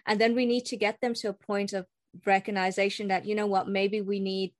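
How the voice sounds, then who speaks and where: This South African cross-cultural communication coach, a young adult woman, talks with a flat, fairly quick delivery and no echo. She's a guest in a relaxed interview, sincere in tone, with some ums and restarted phrases along the way.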